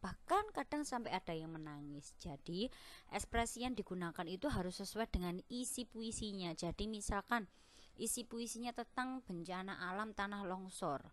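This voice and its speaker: A woman's voice: mid-range voice, lively intonation, moderate pace. A young woman, a primary school teacher, patiently explaining a lesson to children in an online class.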